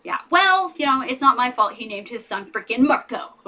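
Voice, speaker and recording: A woman's voice: a little high, lively intonation, moderate pace, bright, forceful tone, recorded from a distance. A woman in her thirties chatting casually and rambling with her viewers, laughing often. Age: 30s. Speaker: vlogger. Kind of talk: casual live chat with viewers. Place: home with street traffic outside.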